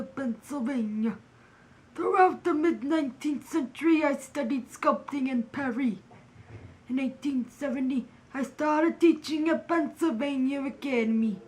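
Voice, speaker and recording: High-voiced young woman reading a bio. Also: a little mellow, slight background noise, rough recording. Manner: reads in character as a historical artist. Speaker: student presenter. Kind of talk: reading a first-person biography aloud.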